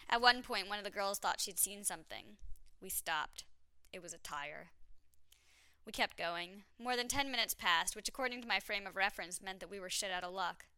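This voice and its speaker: A woman's voice: mid-range voice, normal speed, sharp tone, smooth, no echo. A woman narrating her own travel story in a candid, wry, self-mocking way.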